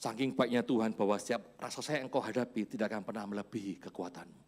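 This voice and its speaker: A man in his forties preaching a church sermon, storytelling with chuckles and quiet asides. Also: fairly low pitch, quick pace. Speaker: pastor.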